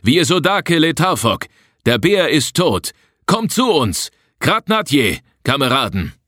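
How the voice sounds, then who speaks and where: A man voicing a young Sami bear hunter who speaks calmly and matter-of-factly, his voice lifted well above the narrator's own. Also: medium pitch, a little fast, dry recording, studio quality, pitched above the performer's own voice. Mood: calling out triumphantly. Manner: matter-of-fact, calling out across a clearing.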